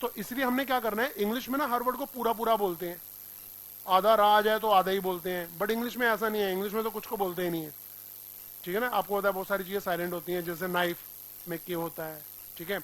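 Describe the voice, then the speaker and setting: Male English teacher, high and sharp, drilling the class on pronunciation. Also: steady tone, quick pace, slight background noise, poor audio. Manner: drills pronunciation, quizzing students with repeated questions. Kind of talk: classroom vocabulary lesson.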